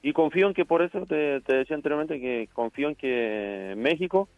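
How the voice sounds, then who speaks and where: A middle-aged man, a football coach, talks over a thin phone line that cuts the lows and highs. He hesitates often and repeats small words before going on. The sound is dry, with no room in it. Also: expressive, fairly quick, dry recording. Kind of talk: phone interview. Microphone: phone call.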